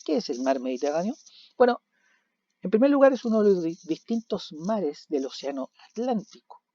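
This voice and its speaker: A man teaching a recorded video lesson, animated, asking questions and answering them himself. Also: high-pitched, moderate pace, dry recording. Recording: dull lo-fi recording.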